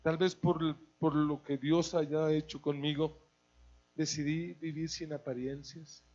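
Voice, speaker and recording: Middle-aged male preacher, lively and funny from the pulpit, raised voice, slightly muffled recording. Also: on the high side, takes it slowly. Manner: animated, humorous, acts out scenes. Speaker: guest preacher. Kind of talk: sermon. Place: church service.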